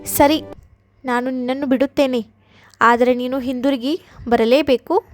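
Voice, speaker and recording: A hungry male tiger from a children's storybook, as a woman reads him, in a high, unhurried voice that drops only a little lower for him. The delivery is flat and steady, with faint music underneath. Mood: gruff.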